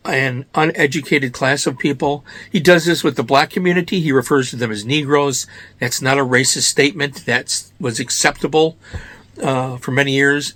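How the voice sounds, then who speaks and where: An American man hosts an informal book show in a medium-pitched, raspy voice. He sounds a little hoarse with a cold and makes his points emphatically, posing questions and answering them himself. The sound is dry, with no room around it. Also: sharp tone, dry recording. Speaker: host of a book review show.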